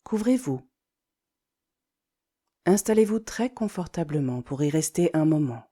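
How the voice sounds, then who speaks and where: Her low, slightly rough voice leads a yoga nidra relaxation. She moves through calm, soothing instructions slowly, leaving deliberate pauses.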